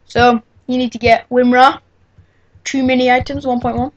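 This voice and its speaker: A woman's voice: high-pitched, level tone, normal speed, muffled recording. A teenage girl chatting and giggling through a casual computer tutorial on a cheap microphone at home. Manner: giggly, chatty, exclaims often. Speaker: tutorial maker. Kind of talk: casual screen-recorded tutorial.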